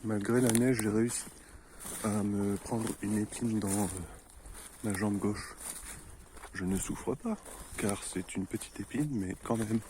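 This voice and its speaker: A man's voice: fairly low pitch, fairly even intonation, a little slow, long pauses. A man vlogging outdoors in a snowy forest, joking with viewers in a mock-formal explorer manner. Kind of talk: playful mock-explorer commentary. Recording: noisy outdoor recording.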